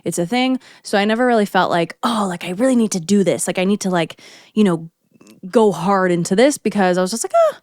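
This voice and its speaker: A woman's voice: medium pitch, expressive, brisk, a little mellow, no echo, studio quality. A woman co-hosting a podcast in casual, conversational chat, often asking questions and backing up her partner. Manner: supportive listener, conversational, frequent fillers. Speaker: podcast co-host.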